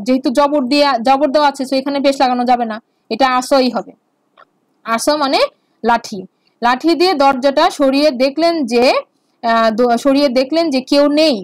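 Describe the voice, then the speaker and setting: Recorded dry, a woman's high-pitched voice covers basic Arabic grammar for an online class. Her explanations are patient, full of repetition and filler words.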